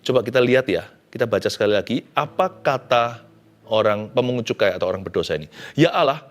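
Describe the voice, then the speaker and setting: A man, a pastor, preaching a sermon in a conversational, animated way. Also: on the low side, fast talker.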